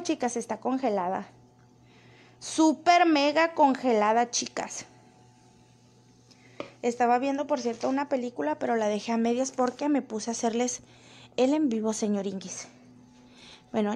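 A Mexican woman with a bright, high-pitched voice runs a loose, gossipy livestream from home. She talks straight into her phone, reading out comments and chatting with her viewers in a teasing, sometimes indignant manner. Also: a little hiss or hum. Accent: Mexican Spanish. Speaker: livestream host.

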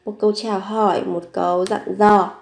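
A woman who teaches Korean phrases, repeating each one slowly and then explaining it. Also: medium pitch, steady tone, vocal fry, a little mellow. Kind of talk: bilingual language lesson.

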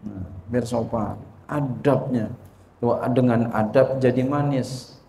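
A man's voice: medium pitch, slow, dark tone. A man teaching a religious lesson, repeating questions to his listeners and answering them himself. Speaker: Islamic teacher. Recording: echoey room with faint noise.

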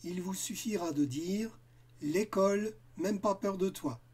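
A man voicing a shy, fearful monster in a cartoon story, speaking slowly in a low, gloomy voice. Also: darkish tone, husky. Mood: hopeful.

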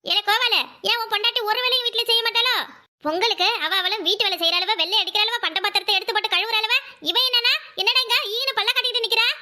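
A woman's voice: extremely high pitch, fairly even intonation, very fast, heavily acted. A woman doing a nagging mother-in-law. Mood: scolding. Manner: sharp, nagging, sarcastic. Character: scolding older village mother-in-law. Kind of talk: cartoon voice acting.

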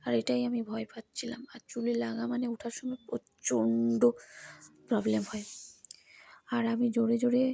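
A woman giving a casual beauty tutorial at home in the early morning, speaking softly and often whispering so as not to wake anyone. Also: a little high, flat delivery, moderate pace, gravelly, husky, dry recording. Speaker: beauty vlogger.

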